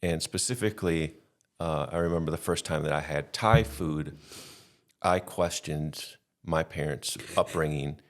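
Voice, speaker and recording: A middle-aged Midwestern American man with a very deep voice is a guest on a podcast, speaking at a measured pace. In loose, chatty conversation, he rambles through his stories and pokes fun at himself often.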